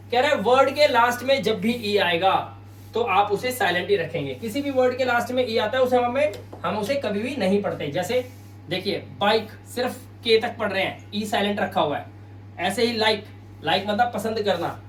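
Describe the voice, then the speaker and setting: A man's voice: sits high, a bit bright, far from the mic. Man teaching English at a board, roomy sound. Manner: quizzes listeners with repeated questions; patient, repeats each word slowly. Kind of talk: spoken-English lesson at a board. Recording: roomy sound, mic set back, faint hum.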